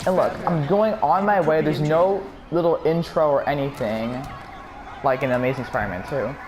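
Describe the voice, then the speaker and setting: Excitable man rambling over gameplay. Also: on the high side, normal speed, a little hiss or hum. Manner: excitable and rambling, with restarts and laughs. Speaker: gaming YouTuber. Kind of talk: gameplay commentary.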